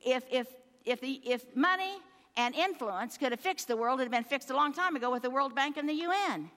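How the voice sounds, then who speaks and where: A woman's voice: sits high, bright, forceful tone, in a large hall. A woman giving an earnest sermon, exhorting her listeners and calling them her friends. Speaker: preacher.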